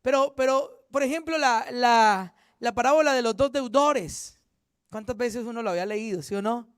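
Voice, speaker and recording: A man's voice: extremely high pitch, moderate pace, a bit bright, smooth, dry recording, clean studio sound. A man, a pastor, teaching a Bible study in an earnest, repetitive way, often correcting himself mid-sentence.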